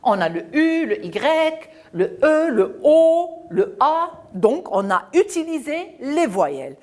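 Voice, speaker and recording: Slow, sing-song woman teaching children. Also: high-pitched, big pitch swings. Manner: slow, emphatic, repeats words and sounds for young pupils. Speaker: primary school teacher. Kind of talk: televised French lesson for children.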